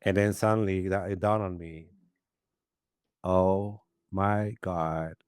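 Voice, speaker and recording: This clip features a poet from Peru, a man in his fifties whose first language is Spanish, appearing as a podcast guest for a relaxed storytelling interview. He takes his time, voice deep and smooth, spinning animated, wandering tales full of restarts. Sound is studio grade and echo-free.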